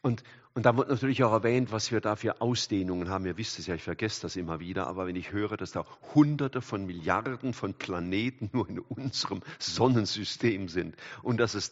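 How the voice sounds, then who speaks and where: An older man preaching a sermon, animated, swinging from loud exclamations to hushed asides and chatting with the congregation. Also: low-pitched. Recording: dull hall recording with long reverb.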